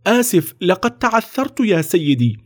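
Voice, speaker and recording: A man's voice: sits high, big pitch swings, normal speed, voice pushed up. A man voicing an eager, determined short boy who pleads and insists. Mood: sullen.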